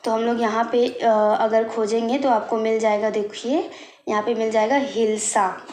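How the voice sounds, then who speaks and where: Woman teacher, higher voice, patient and repetitive, echoey room, faint background hiss. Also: little pitch movement, normal speed, darkish tone. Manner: patient, repetitive, checks in often. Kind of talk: step-by-step homework explanation.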